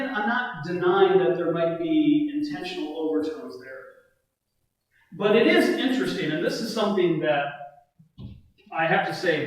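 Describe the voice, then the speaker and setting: A man leading a casual Bible study lecture in a church room, talking conversationally and often checking in with his listeners. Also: a little high. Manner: conversational, keeps asking "right?" of the group. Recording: very echoey room, mic far off.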